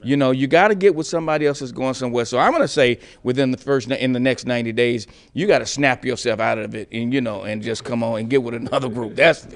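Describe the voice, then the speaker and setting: A man's voice: mid-range voice, fast talker, few pauses. A middle-aged man, a bishop, speaking on a TV studio panel in an emphatic, preacherly way, repeating words as he builds his point. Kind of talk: panel discussion on a TV talk show. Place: TV studio set with sofas. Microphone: lapel mic.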